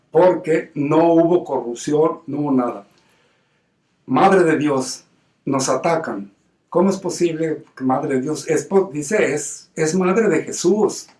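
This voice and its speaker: A man's voice: on the high side, a little mellow, far from the mic. Earnest Mexican man preaching in a roomy space. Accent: Mexican Spanish. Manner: earnest and emphatic, with many restarts and repeated words. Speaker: lay preacher. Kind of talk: informal sermon. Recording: roomy sound from away from the mic.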